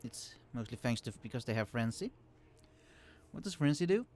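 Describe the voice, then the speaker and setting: Playing a strategy game, this let's play host chats through units and tactics in a relaxed, conversational style, full of filler pauses and restarted sentences. His ordinary mid-pitched voice swings widely in pitch and was recorded low to mask computer hum.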